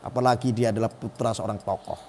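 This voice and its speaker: A man's voice: on the low side, fairly even intonation, fast, a little mellow, in a large hall, slight background noise. A middle-aged man giving emphatic live-stream commentary, asking rhetorical questions and acting out quoted voices.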